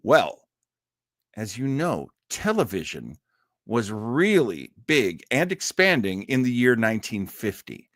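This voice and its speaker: Slowly and with wildly swooping pitch, an actor chats jokingly with viewers during a casual livestream, chuckling often. His voice is lowish and fairly bright, in studio-quality audio without echo.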